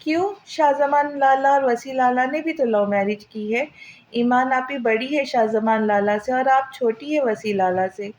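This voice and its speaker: A woman's voice: sits high, unhurried, darkish tone, a little hiss or hum. A woman voicing a stubborn, tearful nineteen-year-old girl in love.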